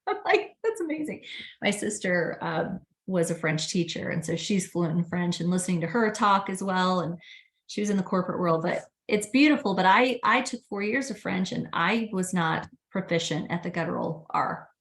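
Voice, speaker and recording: A woman guest talking casually in an interview, chatty and animated when retelling conversations. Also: lowish voice, normal speed. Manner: chatty, acts out quoted dialogue with laughs. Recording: roomy echo.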